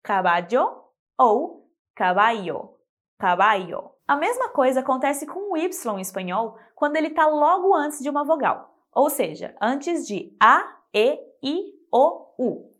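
High, lively woman teaching pronunciation. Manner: clear, slow model pronunciations of example words. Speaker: Spanish teacher. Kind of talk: scripted language lesson.

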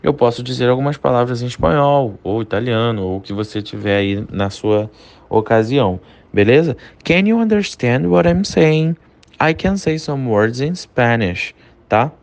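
A Brazilian man teaching English in a recorded lesson, saying English phrases slowly and repeating them, then explaining quickly in Portuguese. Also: mid-range voice, expressive, vocal fry. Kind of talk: recorded online language lesson.

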